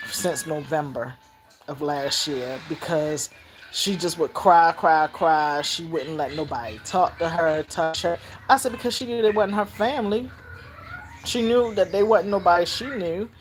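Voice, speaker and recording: An older woman, telling stories about raising her granddaughter in a casual, animated way, jumping into high squeals when she acts out voices. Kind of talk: casual storytelling vlog.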